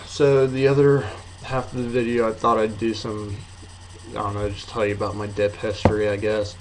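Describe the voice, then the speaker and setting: A young man of eighteen talks in a low, very flat voice, slightly muffled by a lip full of dip. He rambles casually and hesitantly, as in a homemade review. The room recording has audible noise behind him. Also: normal speed. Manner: low-key, hesitant, offhand. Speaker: amateur video reviewer. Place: apartment bedroom. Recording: noisy room sound.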